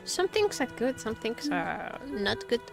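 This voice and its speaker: A woman streams herself playing a game, chatting in a loose, expressive way and often saying the same phrases again. Her voice is a little high and creaky, very lively, at a measured pace, with loud music playing behind her.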